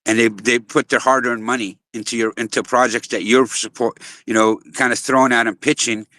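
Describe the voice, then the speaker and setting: Middle-aged man, bright tense voice, dry sound, earnest, casual host, frequent restarts. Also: mid-range voice, flat delivery, fairly quick, dry recording. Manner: earnest, with frequent restarts and "you know" fillers. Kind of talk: casual chat on a live audio space.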